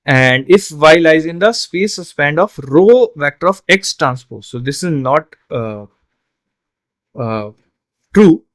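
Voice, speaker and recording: A man's voice: a little high, expressive, slow pace, no room sound. A man tutoring an exam solution, explaining step by step with frequent fillers and tag questions, a little tired. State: yawning, tired. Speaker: online tutor.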